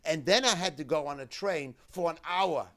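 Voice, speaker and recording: A cantor giving a keynote address at a memorial gathering, retelling a survivor's story in the first person with a measured, deliberate delivery in short phrases. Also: male voice, on the high side, fairly bright tone.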